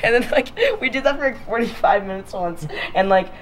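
Teen boy, animated pitch, excited rambling storyteller, outdoor chat. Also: a little fast, slight background noise. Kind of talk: casual storytelling among friends. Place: outdoors on a rooftop at dusk.

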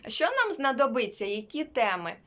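A young woman teaching English to young children, modelling each sound clearly, asking them to repeat and praising them warmly. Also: a little high, big pitch swings, moderate pace. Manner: warm praise and diminutives for children. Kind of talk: online primary-school lesson.

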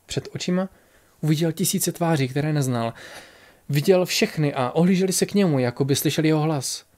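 A man narrating a fantasy audiobook in an even, measured manner. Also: on the high side.

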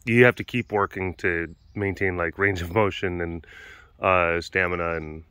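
With a low, steady voice at a moderate pace, an aging sanctuary keeper and vlogger rambles chattily while filming big cat enclosures outdoors, speaking softly in baby talk to the animals. His voice is slightly hoarse and partly lost, captured off camera on a handheld camera mic with no echo.

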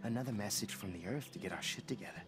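A male actor voices a strange, gentle janitor from a video game who loves animals. His voice is very deep and breathy with a rasp, drawled slowly and ominously. Loud music plays behind him. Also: close to an everyday voice. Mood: cryptic, musing.

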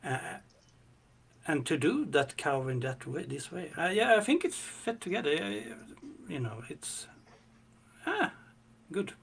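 A man co-hosting a music reaction chat, talking haltingly with many fillers and restarts. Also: on the high side, sing-song, creaky, a bit bright, breathy edge. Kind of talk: casual chat.

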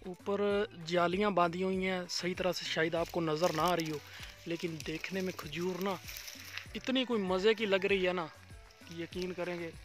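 A man's voice: sits high, steady tone, normal speed, fairly bright tone, soft background music. Chatty man touring a date farm. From Pakistan. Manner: chatty, keeps pointing things out to viewers. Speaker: vlogger. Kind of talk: casual walking tour vlog. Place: outdoors in a date palm farm.

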